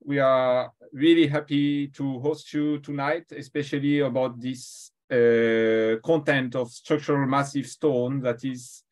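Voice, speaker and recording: A man moderating a webinar, introducing a guest in unscripted, hesitant phrases with pauses. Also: mid-range voice, fairly even intonation, darkish tone.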